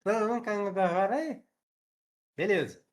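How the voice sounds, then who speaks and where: A young man with a Brazilian Portuguese accent teaching a live online English class over his webcam. He demonstrates sounds out loud and keeps checking in with his students. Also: high voice, brisk.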